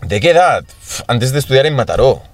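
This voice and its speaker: A man chats in a relaxed, easy way. He swears freely and closes nearly every phrase with a slangy address to his friends. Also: medium pitch, brisk, no echo, faint music behind. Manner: laid-back, peppered with "tío" and swearing. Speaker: podcast co-host. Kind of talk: casual chat.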